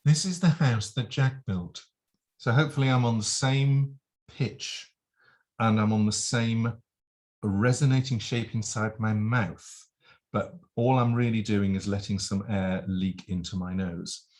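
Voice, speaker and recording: A man's voice: fairly low pitch, steady tone, measured pace, a little mellow. A man teaching as a vocal coach, explaining and demonstrating nasal and oral sounds in a lesson.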